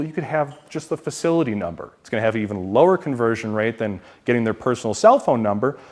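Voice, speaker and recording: Male presenter, mid-pitched, casual and lively, acts out quoted phone calls. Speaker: self-storage investing speaker. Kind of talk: conference talk.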